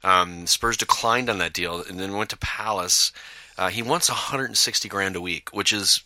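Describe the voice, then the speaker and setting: A man's voice: sits low, moderate pace, sharp tone, no echo. A man hosting a casual sports podcast, talking with lots of fillers and restarts while steering the discussion. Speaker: podcast host.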